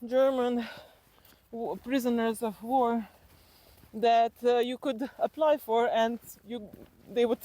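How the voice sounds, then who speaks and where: A woman from Slovenia, with a Slovenian accent, thinks aloud haltingly while reflecting on personal stories in an interview. Her fairly high voice is steady and dark-toned.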